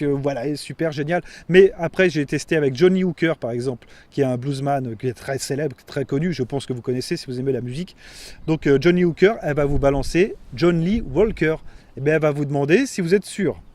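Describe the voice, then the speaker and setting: A man's voice: on the high side, brisk, a little mellow. Chatty man reviewing a gadget. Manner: chatty, rambling, frequent fillers and self-corrections. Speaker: tech reviewer. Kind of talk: casual product review.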